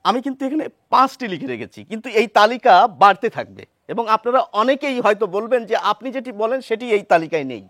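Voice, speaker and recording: Guy with a high voice walking through letter sounds at a board, patient, dry close sound. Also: big pitch swings, a bit bright, no room sound. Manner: patient, explanatory, repeats sounds slowly. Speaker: teacher. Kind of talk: whiteboard pronunciation lesson.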